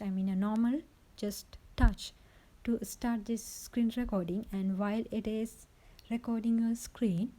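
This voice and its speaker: A woman presents an informal how-to voice-over as a tutorial presenter, recorded on a phone's built-in microphone. She explains things step by step and often checks in with the listener. Her voice is fairly high with a dark tone, and the recording is rough.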